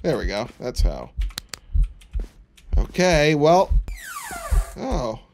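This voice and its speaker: Sarcastic male gamer with animated pitch. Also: very slow, gravelly, slight background noise. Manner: sarcastic, jokey asides. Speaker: video game streamer. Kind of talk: casual horror game playthrough commentary.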